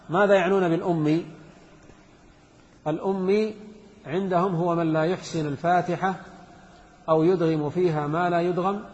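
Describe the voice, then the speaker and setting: A man teaching a jurisprudence text to students, reading a passage and then explaining it with examples and repetition. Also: sits high. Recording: dull reverberant hall sound.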